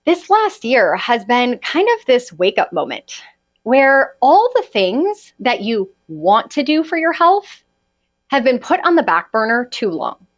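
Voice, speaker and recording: A woman in her late thirties talks through a solo podcast episode in a chatty, confiding tone. Her voice swoops up and down with animated, lively intonation. She keeps pulling her listeners in with little "right?" asides. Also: a little high. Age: 30s. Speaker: podcast host and holistic health coach.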